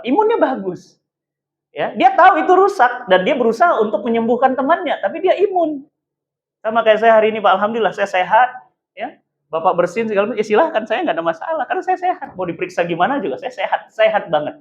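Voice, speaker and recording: Emphatic preacher man in an echoey hall. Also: high voice. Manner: emphatic, asks rhetorical questions and answers them himself; keeps addressing listeners as "Pak". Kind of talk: lively sermon to a congregation. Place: mosque hall. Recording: echoey, dull room sound.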